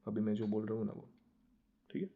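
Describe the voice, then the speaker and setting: A man giving a casual online German lesson, explaining slowly and repetitively while mixing Hindi and English. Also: lowish voice, monotone, vocal fry, phone-quality sound. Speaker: German language teacher.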